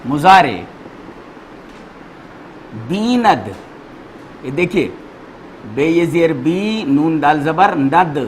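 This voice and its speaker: A man teaching a grammar class, repeating each word slowly and spelling out letters and vowel marks for his students. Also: on the high side, expressive, slight background noise, poor audio.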